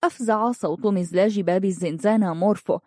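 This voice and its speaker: A woman narrating a scripted story in a steady, measured reading. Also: mid-range voice, no room sound, clean studio sound.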